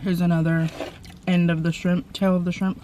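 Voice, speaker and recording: A woman vlogger from the Portland area chatting casually while eating, with soft mumbled asides over her food. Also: on the low side, level tone, moderate pace, dull audio, slight background noise. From Portland, Oregon area. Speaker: mukbang vlogger. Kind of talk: casual eating-show chat.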